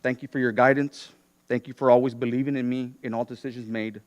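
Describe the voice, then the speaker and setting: Man, outgoing local official, smooth clear voice, dry close sound, measured farewell remarks at a meeting. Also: mid-range voice, little pitch movement, no echo, highs cut off. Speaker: outgoing city commissioner. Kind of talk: prepared farewell speech. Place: city council meeting.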